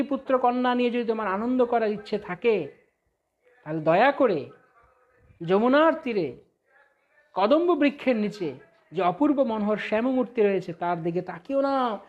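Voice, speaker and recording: A man preaching a devotional sermon online, fervent and rising on ecstatic phrases, slipping into slow melodic chanting of hymn verses. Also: high-pitched, dull audio. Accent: Bengali. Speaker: preacher leading an online class.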